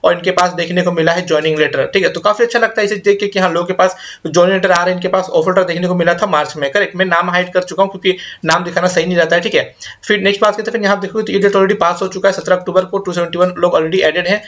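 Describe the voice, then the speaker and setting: A young man rattles through viewer updates at high speed, his voice pitched a little above the usual. He slips between Hindi and English and keeps checking in with his audience, and the recording sounds slightly dull and lo-fi. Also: steady tone, fairly bright tone. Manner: rapid Hindi-English mix, reassuring, repeats "ठीक है". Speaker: career guidance YouTuber. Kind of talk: casual update video reading viewer comments.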